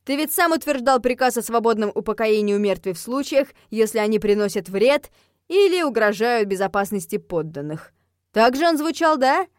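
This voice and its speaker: A woman's voice: on the high side, animated, moderate pace, dry recording, clean studio sound, natural voice. A woman reading an audiobook, voicing a lazy, amused young husband who drawls and purrs his lines. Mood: smug. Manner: drawling, languid.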